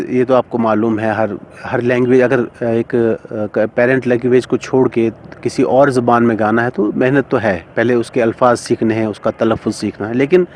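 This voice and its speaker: A middle-aged man, a singer and composer being interviewed, speaking thoughtfully with many pauses and fillers. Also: medium pitch, darkish tone, slight background noise. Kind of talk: casual interview talk.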